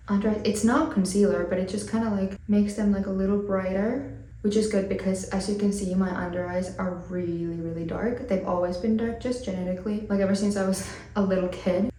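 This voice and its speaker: A Finnish woman in her twenties chats casually and rambles with fillers while doing her makeup for a get-ready-with-me vlog. Her voice is medium in pitch and warm, picked up from a distance in a reverberant space with a little hiss or hum.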